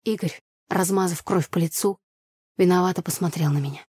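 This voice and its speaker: A woman narrating a first-person audiobook story with an even, storytelling delivery. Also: on the low side, fairly quick, slightly rough, no room sound, clean studio sound.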